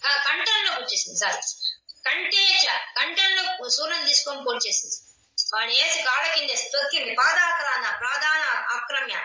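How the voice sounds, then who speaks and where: Bright high-voiced woman teaching scripture. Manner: explains verse by verse, repeats phrases, asks rhetorical questions. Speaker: spiritual teacher. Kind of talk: scripture class discourse. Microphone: online class recording. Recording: roomy, distant, dull online class audio.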